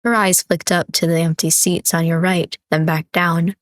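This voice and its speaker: A young woman streamer reading a visual novel aloud in a relaxed way, breaking off for asides and correcting herself. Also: on the low side, normal speed, no echo. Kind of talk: reading a story game aloud.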